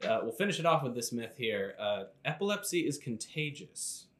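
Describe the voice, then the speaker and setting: A man's voice: mid-range voice, big pitch swings, moderate pace, fairly bright tone. A man hosting a casual podcast, upbeat as he leads through segments and wraps up. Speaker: podcast host.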